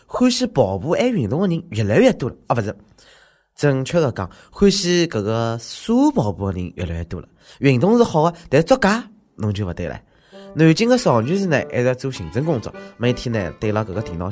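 Animated Shanghainese man hosting comic news. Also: mid-range voice. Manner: exclamatory, mocking, slangy. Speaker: host of a comic news show.

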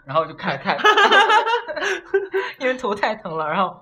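A man casually telling a story on a podcast, animated and acting out the people in it. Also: extremely high pitch, a little slow, husky. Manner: animated, acts out voices while telling a story.

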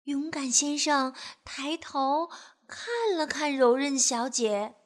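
Woman storyteller, children's picture book, high voice, slow, gentle, expressive. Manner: gentle, expressive read-aloud.

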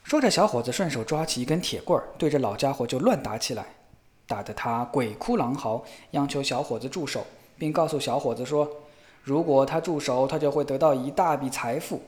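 A man narrating a fairy tale in a lively, expressive storybook reading. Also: medium pitch, brisk.

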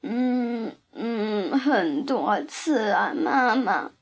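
A woman voicing a huge, boastful male giant in a storybook, loud and blustering. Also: medium pitch, animated, very slow, muffled recording, pitched below the performer's own voice, heavily acted. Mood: whimpering.

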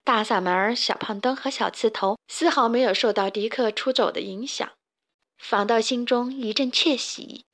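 A woman narrating a children's storybook in an expressive, steady way. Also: on the high side, moderate pace.

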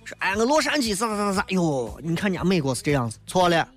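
High-voiced joking man with a Shaanxi accent. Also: fast talker, faint music behind. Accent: Shaanxi dialect. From Shaanxi, China. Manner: wry, joking, mocks misconceptions in a lively banter. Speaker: radio talk show host. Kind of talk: comic talk radio monologue.

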